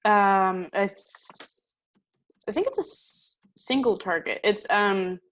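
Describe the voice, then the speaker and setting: A woman's voice: medium pitch, slow pace, a little hiss or hum. Hesitant, giggly woman player. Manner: hesitant, giggly, many ums. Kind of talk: casual game chat.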